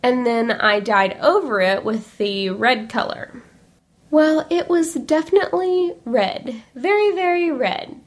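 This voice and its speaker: Chatty high-voiced young woman. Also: slow pace. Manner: chatty, animated, acts out quoted remarks in a higher voice. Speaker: vlogger. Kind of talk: casual chat.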